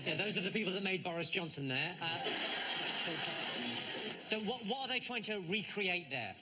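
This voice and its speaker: A man with a high voice hosts a comedy quiz, delivering scripted questions with dry deadpan jokes. The recording carries noticeable background noise. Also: moderate pace. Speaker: quiz host. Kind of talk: scripted comic quiz hosting.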